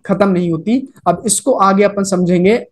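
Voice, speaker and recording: A man's voice: high-pitched, normal speed. A man teaching a trading lecture over a chart. He talks casually, mixes in English trading terms, repeats his points and keeps checking in with "okay" and "right?". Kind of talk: screen-recorded chart lecture.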